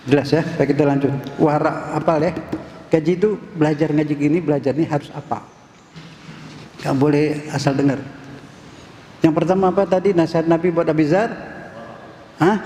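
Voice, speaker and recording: A man's voice: a little high, dark tone. A man preaching a casual dawn sermon in a mosque, quizzing the audience and repeating key words. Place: mosque hall. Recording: echoey mosque hall, faint noise.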